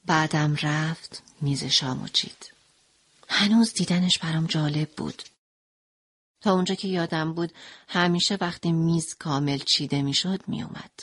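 A woman narrating a dramatic first-person audio story in an expressive way, moving between quiet narration and impassioned passages. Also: low voice, breathy edge.

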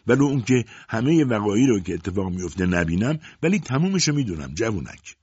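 A man's voice: mid-range voice, big pitch swings, husky, dry recording, dull audio, pitched above the performer's own voice. A man voicing a scheming mother who pries and mocks her grown children, in a storybook reading. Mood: mocking. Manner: taunting, prying, sharp. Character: scheming, mocking mother, middle-aged woman.

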